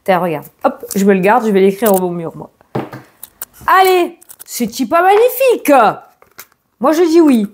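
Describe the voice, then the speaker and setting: Chatty higher-voiced woman card reader. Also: animated, moderate pace, pauses often, a little mellow, slight background noise. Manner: chatty, talks straight to the viewer, often corrects herself mid-sentence. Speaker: tarot and oracle card reader. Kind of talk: casual card reading to camera.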